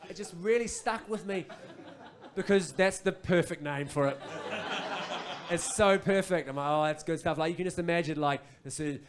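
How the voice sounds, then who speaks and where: Over crowd noise, a man with a New Zealand accent does a stand-up set on a club stage, his voice on the high side and his pace moderate. He tells stories in an animated way and acts out other people's voices.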